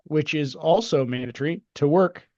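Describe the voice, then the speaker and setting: A man's voice: a little high, normal speed, darkish tone, dry recording, highs cut off. A man co-hosting a podcast, rambling and hesitant with lots of fillers as he gives his opinion. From United States. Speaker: podcast co-host. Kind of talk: casual opinionated chat.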